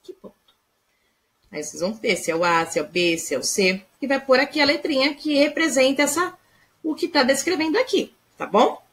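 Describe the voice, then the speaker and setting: A woman's voice: high voice, animated, brisk, a bit bright. A woman teacher with a Brazilian Portuguese accent, patiently explaining a lesson to young pupils step by step. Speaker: primary school teacher. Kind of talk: recorded remote class explanation.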